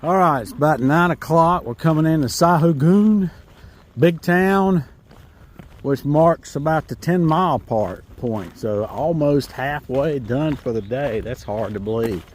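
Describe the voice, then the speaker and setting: A man with a Southern accent from North Carolina vlogs casually while walking a rural trail outdoors, rambling in a folksy, self-amused manner. His voice runs a little high, animated and a little slow.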